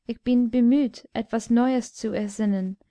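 A woman's voice: fairly high pitch, fairly even intonation, measured pace, dark tone, dry recording, lightly acted. A woman reading a humble court jester. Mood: tense. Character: drunken court jester dwarf, humble man.

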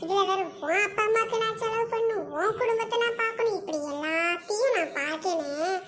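A woman voicing a quarrelsome old husband in a comedy skit, scolding loudly. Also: very high-pitched, brisk. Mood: angry. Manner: scolding, shouting. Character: grumpy old husband, quarrelsome then sorry.

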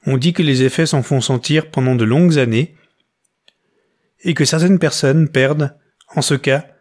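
A man's voice: mid-range voice, close to an everyday voice. A man voicing an older widowed mother who whines and turns tearful. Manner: whining, tearful. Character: older widowed mother, whining, self-pitying.

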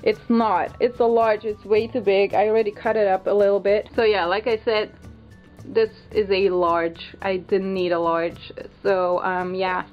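A woman's voice: mid-range voice, little pitch movement, unhurried, faint music behind. A woman with a Dutch accent chatting casually and informally as a vlogger, in a rambling, giggly way, filming indoors on a handheld camera. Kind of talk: casual chat, showing a haul. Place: small bedroom, indoors. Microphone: handheld camera's built-in mic. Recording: muffled lo-fi handheld camera sound.

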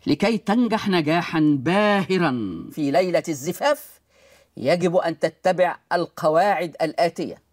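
Lively bossy old grandmother. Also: fairly low pitch, moderate pace. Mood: stern. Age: older. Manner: commanding, scolding. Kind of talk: comedy film acting.

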